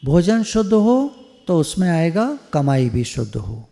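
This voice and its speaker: A man giving a devotional satsang talk in a high yet mellow voice, chatty and teasing, slipping English words into his speech. The sound carries a long hall reverb. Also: very animated, measured pace, vocal fry. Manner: conversational, joking, mixes English words. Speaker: spiritual speaker.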